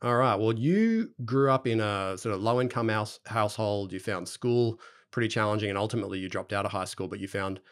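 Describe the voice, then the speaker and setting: Australian male podcast host, middle-aged, lowish voice, chatty with restarts. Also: brisk. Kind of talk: conversational interview.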